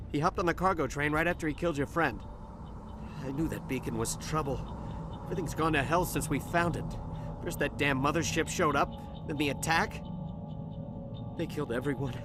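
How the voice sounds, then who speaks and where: An actor playing a nervous dockworker who stammers and sounds shaken after an attack. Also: male voice, fairly high pitch, a little fast, close to an everyday voice. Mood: frightened. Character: nervous male dockworker, frightened survivor. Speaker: game character. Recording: game audio with music behind.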